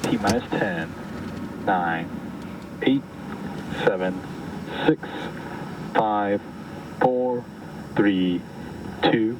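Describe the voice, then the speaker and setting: Slow, distant mission control radio man. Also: on the low side. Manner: clipped, formal, measured calls. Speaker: launch control announcer counting down. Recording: distant, noisy radio channel.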